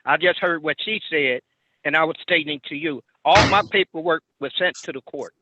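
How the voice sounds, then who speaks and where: A man testifying to a judge over a muffled phone line, speaking haltingly and repeating his words. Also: fairly high pitch, background noise. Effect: muffled, tinny phone line. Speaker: party in a court hearing. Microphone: telephone. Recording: dry narrow phone-line sound.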